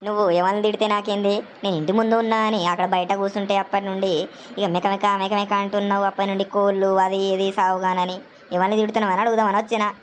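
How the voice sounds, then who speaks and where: A woman's voice: mid-range voice, level tone, rapid-fire, a little hiss or hum, close to an everyday voice. A woman as an indignant village neighbor. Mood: confronting. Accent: Telangana Telugu. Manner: sharp, challenging questions. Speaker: neighbor confronting the shouter.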